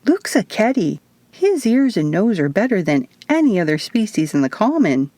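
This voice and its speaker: A woman's voice: mid-range voice, very animated, normal speed, mellow, no echo, voice pushed up. A woman voicing a bubbly, giggly young female clone who chirps in valley-girl talk.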